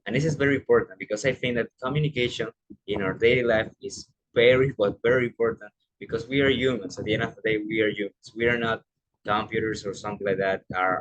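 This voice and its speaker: A man's voice: fairly low pitch, fairly bright tone, rough recording. A young man speaking English, giving an earnest motivational talk full of restarts and fillers. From Panama.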